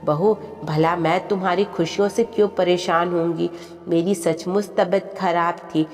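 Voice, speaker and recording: A woman's voice: on the low side, fairly even intonation, normal speed, a little mellow, lightly acted. Woman reading as a hurt old mother standing firm. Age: older. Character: hurt elderly mother, firmly standing her ground. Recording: long reverb with background music.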